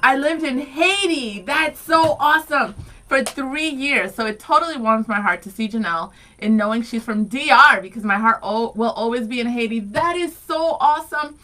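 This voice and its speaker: A woman from Ohio in her thirties co-hosts a casual morning radio show. Her voice is bright and sits a little high. She stays bubbly and eager as she reads out listener comments. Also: moderate pace, a little hiss or hum, low-quality recording. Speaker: radio co-host.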